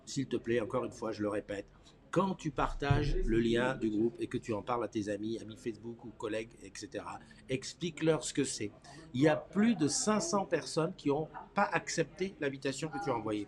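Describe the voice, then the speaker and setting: A man's voice: mid-range voice, fairly quick. A man hosting a live morning chat show from a cafeteria, joking and greeting viewers by name. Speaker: host. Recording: busy room with crowd chatter. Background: crowd chatter.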